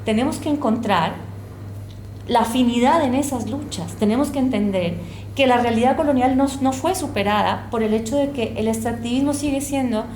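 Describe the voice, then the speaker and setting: A woman's voice: fairly high pitch, normal speed, darkish tone, roomy sound, a little hiss or hum. A woman from El Salvador and Colombia, a university lecturer, speaking earnestly and with passion as an interview guest. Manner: earnest, impassioned, reflective. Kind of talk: conversational interview.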